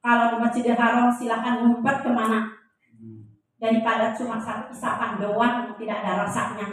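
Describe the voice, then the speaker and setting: A woman's voice: fairly high pitch, a bit bright. Joking woman lecturer in an echoey hall. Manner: joking, quizzes the audience. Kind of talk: humorous classroom lecture. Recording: very echoey room, voice heard from a distance.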